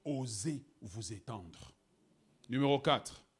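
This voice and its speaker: A preaching man swinging from soft to shouting. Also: medium pitch, lively intonation, slow, breathy edge. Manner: swings from quiet asides to shouted exhortation, laughing often. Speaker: pastor. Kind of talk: sermon. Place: church sanctuary.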